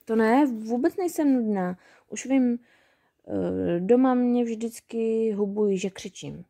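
A woman voicing a timid, well-behaved young fairy girl who talks in halting bits. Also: fairly high pitch, gravelly, warm tone. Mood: eager. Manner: hesitant, halting.

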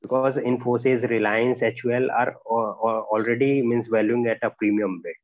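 A man's voice: mid-range voice, steady tone, no room sound. Hesitant young man, dull audio. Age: young adult. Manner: hesitant, deferential, halting. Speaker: mock interview candidate. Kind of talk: job interview answers. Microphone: earphone mic on a video call. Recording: dull lo-fi video call audio.

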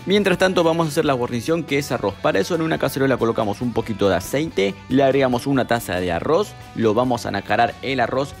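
A young man, calmly narrating a cooking recipe step by step as a voice-over, with music behind him. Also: medium pitch, fast, hardly any pauses. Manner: calm step-by-step instructions. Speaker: cooking channel host.

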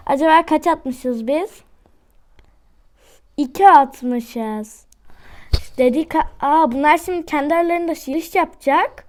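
A woman giving chatty, excitable commentary to her viewers while she plays a game at home. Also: high-pitched. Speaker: gaming YouTuber. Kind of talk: casual gameplay commentary.

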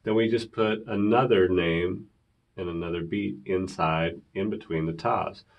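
A man's voice: low-pitched, fairly even intonation, a little slow, vocal fry, lo-fi sound. A man teaching a beginner piano lesson, counting rhythms aloud and asking viewers to repeat after him.

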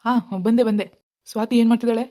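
Woman doing a deep-voiced worried husband. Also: little pitch movement, quick pace, warm tone, natural voice. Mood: reassuring. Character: worried middle-aged husband and father. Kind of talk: animated family drama voice acting.

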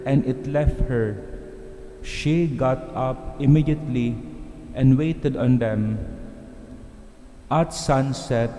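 A middle-aged man with a Filipino accent speaks as a priest in a large church. His voice is mellow and slow, with deliberate pauses. Cathedral echo trails each phrase, over faint background noise. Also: mid-range voice. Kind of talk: gospel reading and homily. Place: large church, at lectern microphone. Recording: cathedral echo, long reverb, background hiss.

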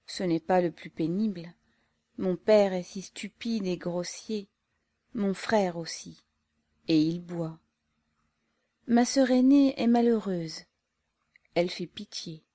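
An ardent young woman revolutionary from a spoken storybook, read by a woman, speaking earnestly and from the heart. She talks slowly in a mellow, lowish voice. The recording is dry and close. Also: no echo. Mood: wistful.

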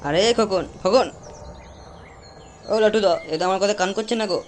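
A man's voice: high voice, a little fast, slight background noise. A man voicing a hot-tempered, cursing young man in a cartoon comedy. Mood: excitable. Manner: excitable, cursing. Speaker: cartoon voice actor.

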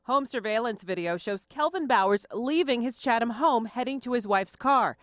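A woman TV reporter reading a scripted news voice-over in a measured way. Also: fairly high pitch.

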